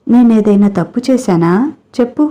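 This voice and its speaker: Woman doing a hurt, sharp-tongued young bride in a read-aloud story, mellow timbre. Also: medium pitch, normal speed, natural voice. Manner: emotional, scolding. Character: young wife, landlord's daughter, hurt and fiery. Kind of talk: storybook character reading.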